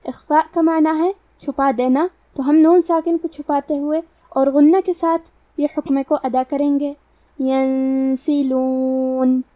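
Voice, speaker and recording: A woman teaching a tajweed lesson, carefully explaining pronunciation rules and reciting verses slowly. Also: sits high, steady tone, warm tone, dry recording, far from the mic.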